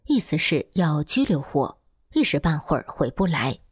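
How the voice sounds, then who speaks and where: A woman reading a first-person testimony aloud in a steady, earnest way. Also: deep voice, moderate pace, breathy edge, dry recording, studio quality.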